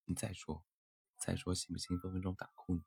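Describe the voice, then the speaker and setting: A man voicing a shy, insecure male crow in a storybook tale, speaking softly and bashfully. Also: low-pitched, completely flat delivery, fairly quick, creaky, husky, heavily acted. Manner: soft, bashful, self-doubting.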